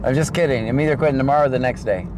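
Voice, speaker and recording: A man's voice: mid-range voice, rapid-fire. A man hosting a casual livestream, chatting as he drives. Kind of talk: casual livestream chat while driving. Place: inside a moving car. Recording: loud car and road noise.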